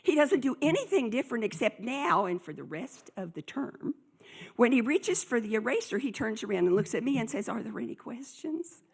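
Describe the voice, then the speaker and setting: A woman speaker telling a lively story to a conference audience, acting out the dialogue as she goes. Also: fairly high pitch, fairly quick, husky.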